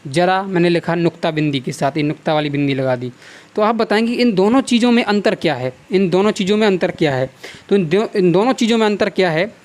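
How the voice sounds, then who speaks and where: A male teacher giving a Hindi grammar lesson with a North Indian accent. He asks the class questions, answers them himself and repeats each sound slowly for drill. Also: sits high. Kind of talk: classroom lecture.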